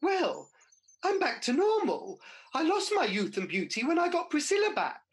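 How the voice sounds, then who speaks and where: A British woman playing Mother Goose as a kindly, chatty pantomime dame, expressive and theatrical, for radio. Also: high voice, normal speed, heavily acted. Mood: flattered, coy.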